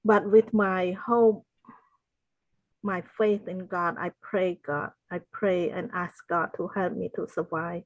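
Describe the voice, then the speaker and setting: Slow, earnest older woman from Cambodia. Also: lowish voice, little pitch movement, no echo, dull audio. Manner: slow, earnest, faith-filled storytelling. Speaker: podcast guest, wellness consultant. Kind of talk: interview answers, personal testimony.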